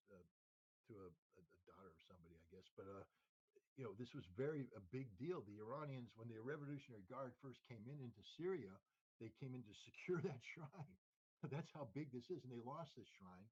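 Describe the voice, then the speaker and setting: Husky-voiced man giving emphatic analysis. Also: medium pitch, darkish tone, lo-fi sound. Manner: emphatic, many restarts and fillers. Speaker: geopolitical commentator. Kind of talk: unscripted analysis.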